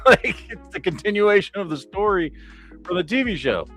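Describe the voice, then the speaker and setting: A man hosting a casual live stream chat, talking in an animated way with lots of "you know what I mean.". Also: sits high, moderate pace. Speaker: show host. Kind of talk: casual chat about toys and films. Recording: live stream with faint background music.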